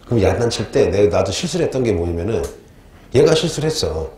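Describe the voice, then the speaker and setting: A middle-aged male history teacher giving a lively lecture, quizzing his students with call-and-response questions. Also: lowish voice, quick pace. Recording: echoey room, faint noise.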